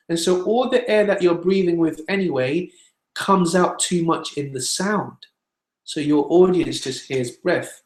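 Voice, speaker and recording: A man teaching singing in an online webinar, explaining patiently and demonstrating scales. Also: fairly high pitch. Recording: echoey room.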